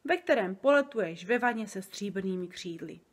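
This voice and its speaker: A woman reading aloud and voicing a big, kind male giant who talks slowly and makes up odd words. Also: medium pitch, animated, lightly acted. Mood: explaining. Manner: slow, wondering, jumbled made-up words.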